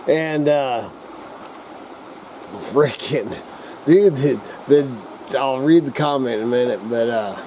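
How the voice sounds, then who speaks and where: A middle-aged or older man with slightly slurred speech, rambling casually to camera as a vlogger in a halting, folksy, coarse-mouthed redneck way. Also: medium pitch, mellow, slight background noise, low-quality recording. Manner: halting, drawn-out, searching for words.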